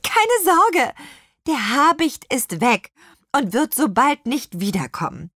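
Woman doing a lively, kindhearted witch. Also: a little high, normal speed, no room sound, studio quality, voice pushed up. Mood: relieved. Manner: lively, expressive. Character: kindly apple witch, female, warm-hearted.

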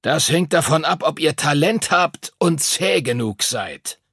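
A man voicing a gruff, one-eyed middle-aged teacher with a curt manner. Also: on the high side, expressive, measured pace, a bit bright, no room sound, clean studio sound, voice pushed up, heavily acted.

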